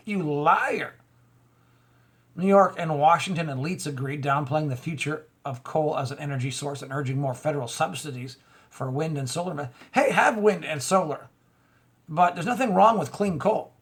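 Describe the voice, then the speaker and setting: A man's voice: a little high, slightly rough. A man reading news items aloud and firing back with mocking, heated asides in casual commentary. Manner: reads news lines then rants back with mocking asides.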